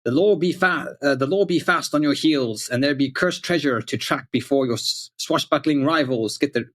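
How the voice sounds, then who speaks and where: A man's voice: mid-range voice, normal speed, a bit bright, pitched above the performer's own voice, natural voice. A man putting on a swaggering old-timey male pirate voice, with a hammy pirate brogue. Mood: swashbuckling.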